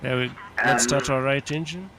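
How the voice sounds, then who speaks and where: A man's voice: mid-range voice, normal speed. A man with a Kenyan accent chatting casually and commentating as he streams a flight simulator game. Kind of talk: casual livestream chat and gameplay commentary. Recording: faint background noise.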